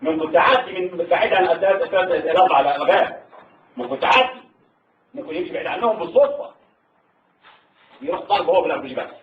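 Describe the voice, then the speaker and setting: Older Egyptian veteran, Egyptian accent, high fast voice, emotional storyteller, tinny far-off hall recording. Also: male voice, a little hiss or hum. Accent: Egyptian Arabic. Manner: animated, rising into high pitch when moved, halting restarts. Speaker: war veteran guest. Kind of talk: emotional storytelling to a salon audience. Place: hall at a literary salon.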